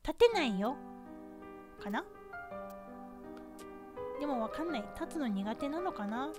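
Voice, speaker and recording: A woman's voice: high voice, animated, a little slow, loud music behind the voice. A woman from Japan streaming a horror game, thinking aloud to herself, nervous and easily startled. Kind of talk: casual horror game let's play commentary.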